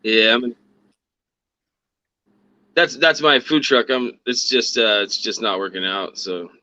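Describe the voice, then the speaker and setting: A man in his forties from Eastern Washington State, heard over a choppy online video call as he rambles through a casual chat. His voice sits a little low with a bright, forceful edge. The call audio is muffled and lo-fi, with no room sound. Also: dry recording. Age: 40s. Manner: rambling, drawn-out, filler-heavy talk. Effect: heard over an online video call with dropouts.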